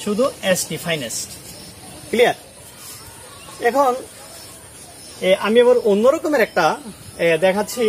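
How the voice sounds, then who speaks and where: At a board in a classroom, a man teaches English grammar, working through the rules step by step and repeatedly asking his students whether they've understood. His voice is high-pitched and animated, a little slow, with long pauses. Some chatter sits in the background along with a faint hiss or hum.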